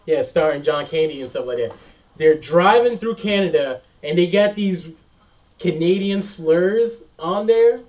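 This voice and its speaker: A man co-hosting a casual podcast chat, animated and laughing often, swearing freely. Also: fairly high pitch, measured pace. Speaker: podcast co-host. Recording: distant lo-fi mic.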